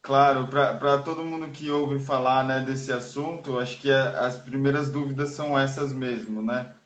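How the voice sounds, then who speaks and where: A man explaining a topic on a live video call, his voice quiet and distant because he sits away from the phone mic, hesitant with many pauses and fillers. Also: medium pitch, steady tone. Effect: quiet, distant voice far from the phone mic. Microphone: device mic before switching to a headset. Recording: dull lo-fi call audio.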